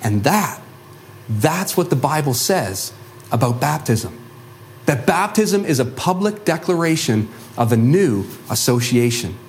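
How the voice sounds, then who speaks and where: A man preaching a sermon as a pastor, telling a Bible story in an animated way and acting out the voices of the people in it. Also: medium pitch, unhurried, a little hiss or hum. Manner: animated, acts out quoted voices.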